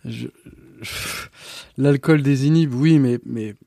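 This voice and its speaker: Homme enthousiaste, voix moyenne. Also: male voice, mid-range voice, mellow, no echo, clean studio sound. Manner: enthusiastic, frequent exclamations and quick agreement. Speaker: guest, event announcer and speaking coach. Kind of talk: casual interview chat.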